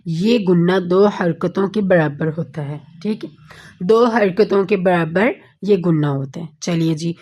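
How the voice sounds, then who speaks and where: A woman teaching an online Quran recitation lesson. She explains patiently, keeps checking in with her listeners and slows down to recite the Arabic examples. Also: on the low side, darkish tone. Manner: patient, repeats points with frequent checking fillers.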